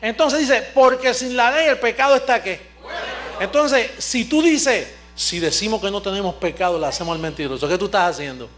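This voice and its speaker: Male TV preacher, very high voice, emphatic call-and-answer sermon style, faint music underneath. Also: moderate pace. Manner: emphatic, asks the audience questions and answers them; swings from low asides to shouting. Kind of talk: televised sermon.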